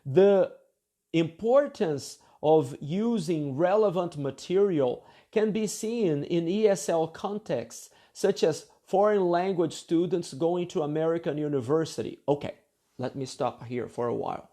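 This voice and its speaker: A Brazilian university English teacher gives a lecture, reading from his article and commenting on it. He speaks slowly and deliberately in a rather high voice with a dark tone, using frequent fillers and checks like "okay?".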